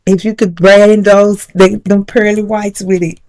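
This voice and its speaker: A woman with a gravelly, mid-range voice leads a motivational confidence lesson. She talks casually and encouragingly to her viewers. She slows down to stress the points she wants to land. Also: medium pitch, level tone, a little mellow. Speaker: confidence coach. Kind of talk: motivational tutorial.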